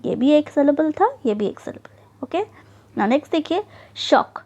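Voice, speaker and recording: A woman teaching English syllables in an online lesson, often checking in with "okay" and "right", and drawing out example words slowly. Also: high voice, big pitch swings, a little mellow, lo-fi sound. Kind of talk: online lesson explaining slides.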